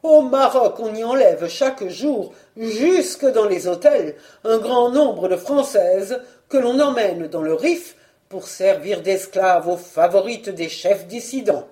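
Woman playing a nervous hesitant baron, lower placating voice, mellow lively storybook reading. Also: slow pace, reverberant. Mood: evasive. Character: timid, evasive middle-aged baron collector.

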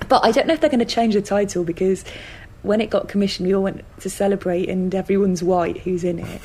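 A woman's voice: mid-range voice, steady tone, quick pace, dark tone, a little hiss or hum. A woman chatting as a guest, rambling with lots of ums. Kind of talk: casual chat.

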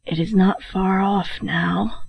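A woman plays a dying man who gave his whole life to gold, now reduced to a weak, hoarse whisper that flares into sharp, bitter outbursts. The recording is muffled and dry, with no room around the voice. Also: medium pitch, steady tone, takes it slowly, no room sound, heavily acted.

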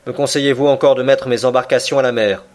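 A man's voice: mid-range voice, fairly even intonation, fast, a little mellow, close to an everyday voice. A man voicing an impatient male frigate captain who barks short orders. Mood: commanding. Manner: curt, barked orders.

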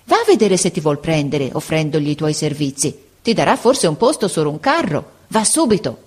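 A woman's voice: deep voice, very animated, breathy edge, full character voice. Woman voicing a kindly pitying old woman. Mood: brisk. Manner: gentle, sympathetic, then brisk with advice.

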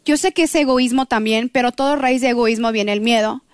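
A middle-aged woman tells her own story with earnest feeling. Her voice sits high and bright in pitch. The sound is close and dry, with no room around it. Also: fairly quick, clear, resonant tone, no room sound. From Mexico. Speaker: guest giving testimony. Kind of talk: personal testimony on a radio program.

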